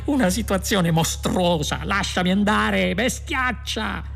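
A man voicing a panicky, put-upon male Englishman who complains in a high, strained voice. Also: unhurried, vocal fry, a bit bright, breathy edge, faint music behind, full character voice.

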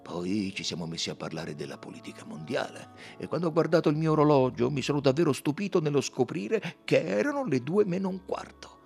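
A man reading an audiobook, voicing a stiff, gruff older British army colonel who talks in clipped, grumbling, hesitant phrases. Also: fairly high pitch, sing-song, a little fast, a little mellow, faint music behind, voice pushed up.

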